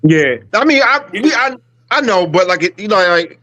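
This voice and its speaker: High male voice, reactive co-host, puzzled profane rants. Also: sing-song, moderate pace, sharp tone, muffled recording. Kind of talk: casual wrestling chat.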